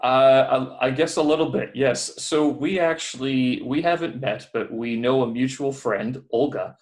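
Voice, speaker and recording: A Canadian man hosting a podcast interview rambles casually and amiably, his speech filled with fillers. He has a medium-pitched, darkish voice and talks a little slowly. He's on a video call using headphones, in a building away from home.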